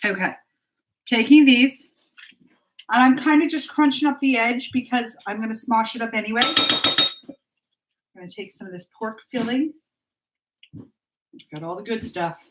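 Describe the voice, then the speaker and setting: A woman's voice: fairly high pitch, moderate pace, pauses often, noisy background. A middle-aged woman hosting a casual cooking video, chatting to her viewers as she works in her home kitchen. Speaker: cooking vlogger. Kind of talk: casual live cooking chat. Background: clatter of dishes and pans.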